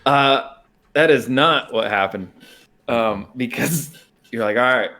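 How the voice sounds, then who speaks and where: This podcast co-host speaks slowly in a sharp, mid-range voice while telling a story during a relaxed chat. He wanders off track, laughs frequently, and starts sentences over.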